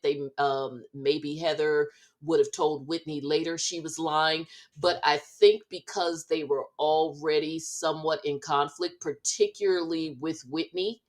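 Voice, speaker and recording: A woman co-hosting a podcast, recapping reality TV in unhurried, measured casual chat with frequent fillers. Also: low voice. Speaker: podcast co-host.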